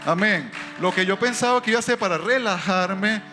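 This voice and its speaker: Lively man telling a church testimony. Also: high voice, soft background music. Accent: foreign accent in Spanish. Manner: lively storytelling, jumps between quick and drawn-out phrases. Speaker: church member giving testimony.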